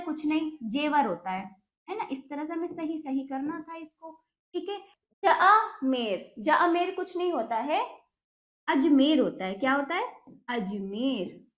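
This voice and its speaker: A woman teaching a primary school language lesson, patiently asking questions and slowly repeating the answers. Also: high-pitched. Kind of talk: classroom lesson explaining exercises. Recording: echoey room, dull lo-fi sound.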